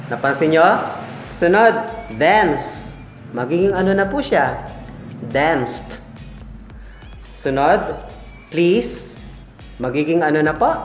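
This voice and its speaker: A man teaching a casual language lesson, playful and chuckling often as he drills words for his listeners to repeat. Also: a little high. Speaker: English teacher. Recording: echoey room with faint music.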